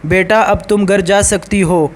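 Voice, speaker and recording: A man's voice: high voice, fairly even intonation, close to an everyday voice. A man voicing a menacing middle-aged uncle, speaking in a cold, threatening way.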